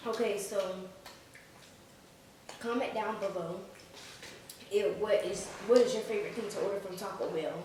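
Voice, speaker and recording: A woman's voice: mid-range voice, moderate pace, pauses often. A woman hosting a casual eating video, talking between bites. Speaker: vlogger. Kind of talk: casual mukbang chat. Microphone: camera set back from the table. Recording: echoey room, distant camera, noisy.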